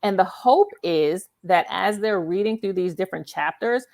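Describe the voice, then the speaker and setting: A woman hosts a conversational talk show interview, explaining things emphatically and often checking in with questions like "right?". Her medium-pitched voice is a little mellow and moves at a normal speed.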